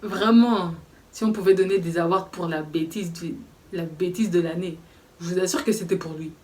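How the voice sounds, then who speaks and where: A young woman telling a story from her life in a casual, lively way, talking straight to her viewers. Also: fairly low pitch, normal speed, distant mic, slight background noise. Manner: lively, animated, conversational, addresses viewers directly. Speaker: vlogger.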